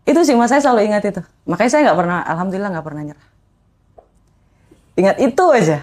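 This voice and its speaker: A woman's voice: mid-range voice, animated, fast, a little mellow. A woman, a guest who used to be a food-delivery rider, tells her personal story earnestly and often addresses the host directly.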